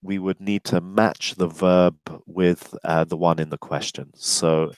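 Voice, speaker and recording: A man teaching an English speaking-test webinar, talking deliberately with many fillers and modelling phrases with a rising tone. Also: low voice, steady tone, darkish tone, smooth, no echo. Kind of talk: webinar lesson.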